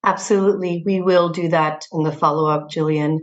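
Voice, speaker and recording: A woman moderating an online meeting, calling on speakers in a calm, even way. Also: low-pitched, brisk, highs cut off.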